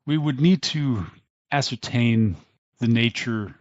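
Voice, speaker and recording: A man's voice: mid-range voice, takes it slowly, no room sound, lo-fi sound, natural voice. Man doing a flustered, dignified old mage. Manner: hesitant, polite, awkward.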